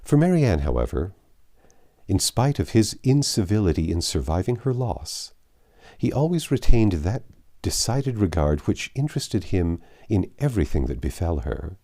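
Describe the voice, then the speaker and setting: In a low voice, a male audiobook reader narrates a classic novel, shaping each line with measured, expressive storytelling.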